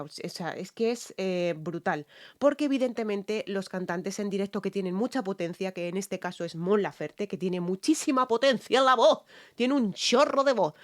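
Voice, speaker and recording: A woman with a Spain Spanish accent, a singer giving a casual, enthusiastic reaction and vocal analysis, repeating herself as she talks. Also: medium pitch. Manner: enthusiastic, repeats words, demonstrates by singing. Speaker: singer reacting to a live performance.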